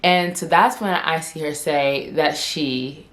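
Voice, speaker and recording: A woman in her twenties, with a low-pitched, slow, slightly bright voice, tells a story to camera as a vlogger. She's chatty and rambling, saying "like" constantly, stuttering and repeating words.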